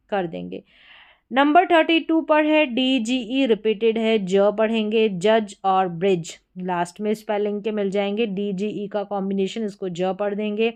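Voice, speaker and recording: Smooth-voiced woman teaching English spelling. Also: medium pitch. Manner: steady explaining, repeats example words. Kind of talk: spoken lesson on spelling patterns.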